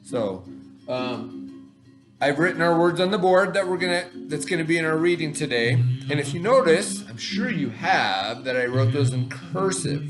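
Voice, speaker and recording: Over music and in poor audio, a man with a fairly high, expressive voice speaks at a moderate pace. He is an elementary school teacher reading aloud to young children, explaining vocabulary step by step, spelling and sounding out words and checking with "right?".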